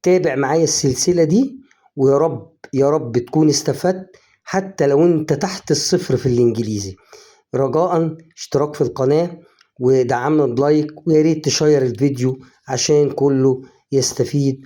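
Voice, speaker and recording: A man's voice: mid-range voice, dark tone. Coaxing Egyptian man teaching phonics. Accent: Egyptian Arabic. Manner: coaxing, keeps asking "ha?" to prompt the viewer; drawn-out, slowed example words. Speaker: English teacher. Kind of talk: online phonics lesson.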